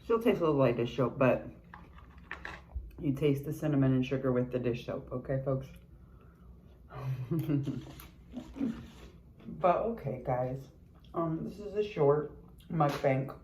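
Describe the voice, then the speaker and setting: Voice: medium pitch, dark tone, a little hiss or hum, poor audio. Chewing, murmuring mukbang vlogger. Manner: talks between bites with frequent chewing murmurs; casual and candid, swears freely. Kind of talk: casual eating vlog.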